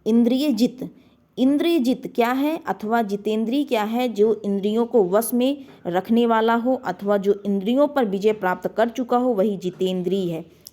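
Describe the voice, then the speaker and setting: A woman teaching a grammar lesson for exam preparation. She asks a question, then answers it herself, and repeats key words slowly. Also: on the high side, dark tone.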